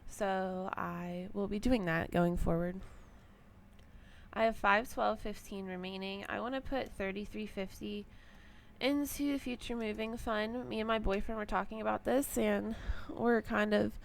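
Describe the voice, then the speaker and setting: Young woman, gravelly fry, just-woke-up scratchy voice, casual rambling vlog talk. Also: mid-range voice, steady tone, a little slow. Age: young adult. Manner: rambling, with many ums and likes. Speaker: personal finance vlogger. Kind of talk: casual budgeting walkthrough.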